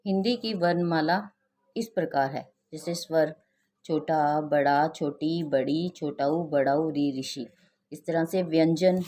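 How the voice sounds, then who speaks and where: A woman teaches a grammar lesson to young pupils, pacing each example word out slowly and deliberately. Her voice sits a little low and sounds mellow and warm. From India. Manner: slow, deliberate, reads out example words one by one. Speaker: school teacher. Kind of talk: recorded grammar lesson for children.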